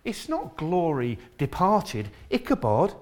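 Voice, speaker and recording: A man preaching with earnest fervour, his voice sitting a little higher than most men's. He slows down and draws out important words for weight, then speeds through asides. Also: huge pitch swings. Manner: earnest, fervent, slows and stretches key words. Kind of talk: sermon.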